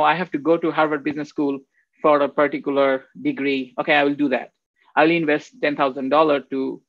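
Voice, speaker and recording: Over dull, dry video-call audio, a Bangladeshi man in his fifties lectures faculty from his home office as a guest speaker. His voice sits a little high, the recording is dry, and his talk rambles conversationally, punctuated by frequent "right?" check-ins.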